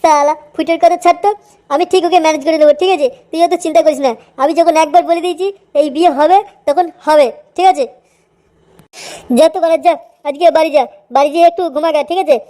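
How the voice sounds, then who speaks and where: A woman's voice: high-pitched, fairly even intonation, fast talker, dark tone, close to an everyday voice. A woman voicing an older man in a cartoon, the hero's bossy, foul-mouthed friend of the family who keeps reassuring him. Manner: bossy, crude, keeps saying "all right?". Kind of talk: cartoon voice acting.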